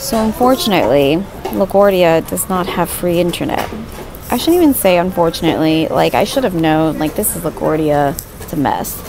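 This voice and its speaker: A woman's voice: lowish voice, expressive, moderate pace, gravelly, over music. A young adult woman chatting casually to camera in a rambling, self-deprecating, informal vlogger style. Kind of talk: casual vlog chat to camera. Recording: noisy handheld vlog with background ambience.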